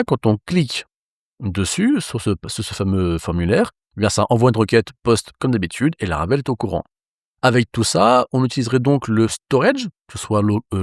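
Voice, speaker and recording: A man from France teaching a coding lesson in a relaxed, reassuring way with casual fillers. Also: medium pitch, no echo, studio quality. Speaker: programming instructor.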